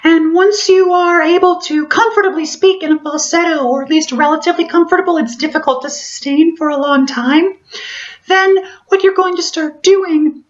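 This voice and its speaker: A woman voice coach speaking in a squeaky, chipmunk-like falsetto while demonstrating a vocal technique in a tutorial. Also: moderate pace, muffled recording. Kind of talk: voice training tutorial.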